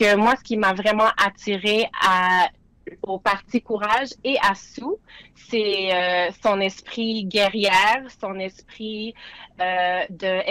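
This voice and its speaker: Une femme originaire des Philippines, candidate municipale, répond en entrevue avec sérieux et beaucoup d'hésitations. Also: female voice, mid-range voice, sharp tone, no echo, poor audio. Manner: earnest, hesitant with many fillers and restarts. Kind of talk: interview answers.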